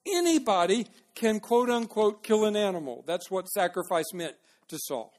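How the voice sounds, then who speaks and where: A male pastor preaching a sermon, acting out voices from the text and swinging between loud and soft. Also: high-pitched, animated, moderate pace.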